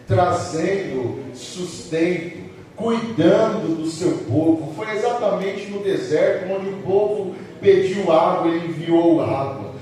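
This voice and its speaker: High-voiced Brazilian preacher in an echoey church. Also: male voice, warm tone, slight background noise. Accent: Brazilian Portuguese. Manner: preaching, quotes scripture, rising emphatic delivery. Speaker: pastor. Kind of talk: sermon. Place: church hall. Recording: echoey church hall, mic at a distance.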